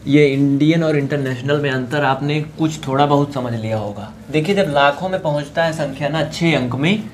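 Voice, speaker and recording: A man's voice: a little high, a little hiss or hum. A man teaching a basic math lesson at a board, often asking the class a question and then answering it himself. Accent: Hindi-speaking Uttar Pradesh.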